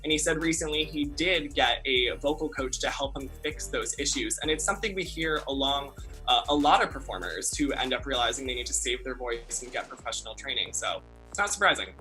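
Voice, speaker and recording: A man's voice: mid-range voice, expressive, brisk, pushed and bright. A man co-hosting an entertainment show, chatting casually and gushing as a fan, with music faint behind. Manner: enthusiastic, gushing fan talk.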